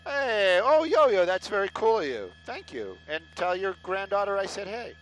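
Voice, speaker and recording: His high voice has a sing-song lilt at normal speed as this middle-aged helicopter traffic reporter jokes sarcastically about himself during casual live chatter. He speaks via headset mic in a helicopter in flight, with poor audio.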